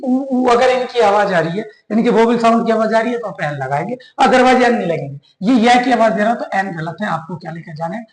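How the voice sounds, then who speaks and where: A man's voice: sits high, echoey room, rough recording. A man teaching an English grammar class, explaining step by step and answering his own questions to the students.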